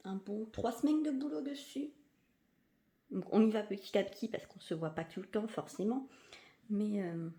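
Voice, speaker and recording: A woman chatting enthusiastically in a casual unboxing vlog, sometimes slipping into a soft half-whisper and moving away from the mic. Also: medium pitch, gravelly, roomy sound. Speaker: crafting vlogger.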